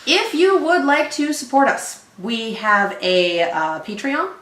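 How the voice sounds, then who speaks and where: A woman co-hosting a reaction show, chatting casually and thinking out loud with quick asides. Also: on the high side, animated, echoey room, a little hiss or hum. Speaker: reaction channel co-host. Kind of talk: casual chat.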